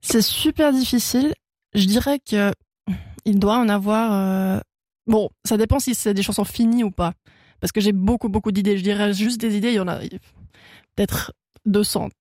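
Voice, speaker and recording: Speaking at a normal speed in a mid-range, darkish voice with fairly even intonation, a young Swiss woman, German her first language, is a singer-songwriter guest in a radio studio. The interview is casual; she laughs frequently and keeps restarting, with many fillers. No echo is audible.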